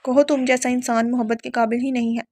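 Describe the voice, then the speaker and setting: A cruel, domineering young husband, voiced by a woman reading a storybook, barks harsh commands. The voice is gravelly and a little high, with a flat, level delivery. The sound is dry and close. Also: fast talker, no echo.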